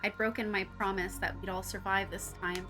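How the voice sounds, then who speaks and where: A woman's voice: mid-range voice, little pitch movement, fairly quick, over music. A woman reading a visual novel aloud, narrating the story and acting out its characters.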